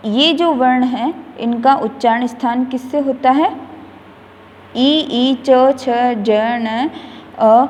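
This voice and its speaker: A woman teacher gives a slow, careful classroom explanation. She reads out textbook lines, then explains them simply, with frequent pauses and fillers. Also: fairly high pitch, darkish tone, long reverb tail, a little hiss or hum. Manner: recites letters one by one in a slow, measured way. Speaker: school teacher.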